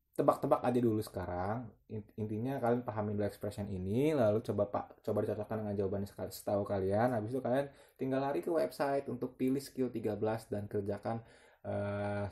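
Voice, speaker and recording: A man teaching a TOEFL listening lesson in a relaxed, slangy way, with fillers and quick self-corrections. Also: fairly low pitch. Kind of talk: casual explanatory lesson.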